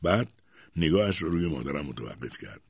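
Low husky guy reading a story aloud, very lively up and down, dull dry lo-fi sound. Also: no echo. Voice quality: expressive, dramatic storyteller. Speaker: narrator. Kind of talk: audiobook narration.

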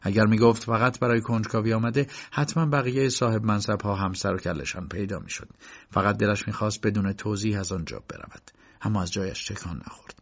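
A man narrating an audiobook in a measured storytelling manner. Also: on the low side, slightly rough. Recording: dull lo-fi recording.

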